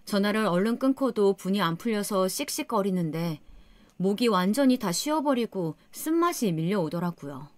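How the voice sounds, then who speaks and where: 담담하게 사연을 들려주는 여성. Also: female voice, mid-range voice, lively intonation, moderate pace, darkish tone, no room sound. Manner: earnest, emotional recounting. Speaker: storyteller. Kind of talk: first-person story narration.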